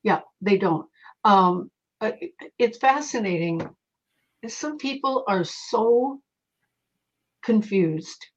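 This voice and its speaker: A woman's voice: mid-range voice, lively intonation, slow, long pauses. A woman who is a psychic guest in an interview, telling stories animatedly, with frequent fillers and restarts. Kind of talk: conversational storytelling. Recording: dull lo-fi recording.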